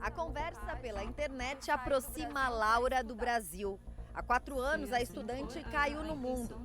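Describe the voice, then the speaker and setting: A woman reads a scripted television news report in a measured, even delivery. Her voice sits high. A faint music bed plays beneath her.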